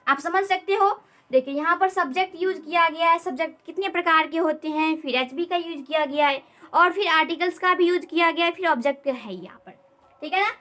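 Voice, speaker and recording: A woman teaching an English grammar lesson. She explains slowly, repeats key words and keeps asking quick check questions. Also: sits high, a bit bright, distant mic, rough recording.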